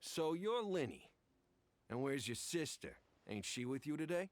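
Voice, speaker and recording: A man's voice: on the high side, very animated, unhurried. An actor playing a menacing, sneering male street thug in a video game. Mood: taunting.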